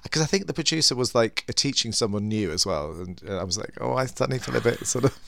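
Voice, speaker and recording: A man's voice: mid-range voice, animated, quick pace, vocal fry, fairly bright tone, no room sound. A man co-hosting a podcast in a chatty, bantering way, with a theatrical, campy manner. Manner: theatrical, campy, with endearments like darling. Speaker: podcast co-host.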